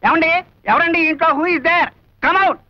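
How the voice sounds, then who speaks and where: An actor playing a flustered middle-aged census officer in a film comedy, with excitable comic patter. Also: male voice, very high voice, measured pace, muffled recording.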